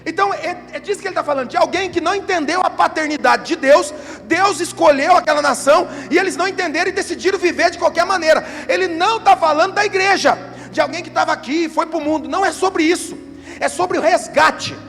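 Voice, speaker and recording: A male pastor with a very high, fairly bright voice preaches fast and emphatically at a church service, posing rhetorical questions and acting out quotes. The church hall is reverberant, with music playing behind him.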